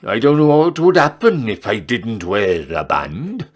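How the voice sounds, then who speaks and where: A man voicing an ailing pub regular in a story, halting and puffing as he complains. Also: medium pitch, wildly swooping pitch, pitched above the performer's own voice. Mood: suffering, complaining. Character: ailing, grumbling male Welsh pub regular, puffing and shuddering.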